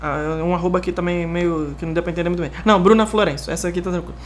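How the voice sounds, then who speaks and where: A man's voice: high voice, steady tone, racing, slight background noise. Teasing Brazilian man, podcast co-host. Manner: teasing, laughs often. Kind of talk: casual podcast chat, reading listener comments.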